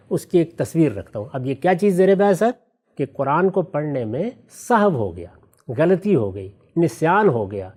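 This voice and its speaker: Man, religious scholar, kinda high voice, very animated pitch, walks through examples slow and teacherly. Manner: measured, methodical teaching with worked examples; recites scripture verses slowly and deliberately. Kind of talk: explanatory discussion answering questions.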